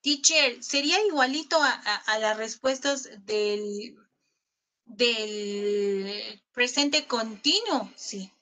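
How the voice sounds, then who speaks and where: A woman's voice: fairly high pitch, slow, sharp tone. A woman English teacher giving a recorded online class in Spanish, patient, often asking her pupils questions. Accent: Peruvian Spanish.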